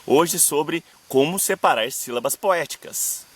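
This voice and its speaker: A young Brazilian man with a Brazilian Portuguese accent, hosting a video lesson on poetic meter, speaking to viewers directly and slowing down to recite verse examples. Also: on the high side, animated, over music. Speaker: poetry teacher and channel host.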